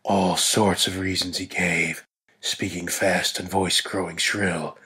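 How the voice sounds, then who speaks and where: A man reads a story aloud as dramatic narration. His voice is low and heavily rasped, with a forceful, bright edge. He takes his time, setting phrases apart with deliberate pauses. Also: little pitch movement. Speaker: reader of a dramatic reading.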